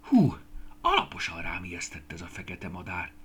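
A man's voice: low-pitched, wildly swooping pitch, fairly bright tone, a little hiss or hum, exaggerated voice. A man voicing a curious, touchy little boy cherry in a children's storybook reading. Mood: relieved. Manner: eager, proud, a bit touchy.

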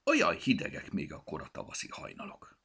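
A man voicing an earnest young male elf in a children's storybook, a gentle searcher of lost things. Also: low-pitched, wildly swooping pitch, breathy edge, full character voice. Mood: wondering.

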